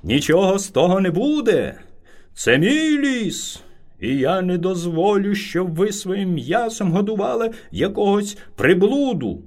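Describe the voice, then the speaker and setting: A man voicing a small, timid but clever male hare who speaks very politely and flatters. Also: sits high, measured pace, heavily acted. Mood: pleading.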